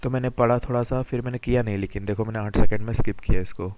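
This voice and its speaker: A young man with a cold, his voice gone hoarse, chatting casually as he reviews his mock test results and keeps adding tag questions. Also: fairly low pitch, steady tone, fast, mellow. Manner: chatty, often adds "है ना". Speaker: exam aspirant channel host. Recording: dull lo-fi recording.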